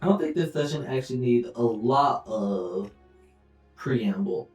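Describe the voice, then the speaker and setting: A man's voice: mid-range voice, expressive, a little slow, darkish tone, roomy sound. Young man, game master, rambling casual narration, distant mic, faint background music. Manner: loose, rambling, with frequent "um"s and self-corrections. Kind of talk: casual recap and scene-setting for a tabletop game.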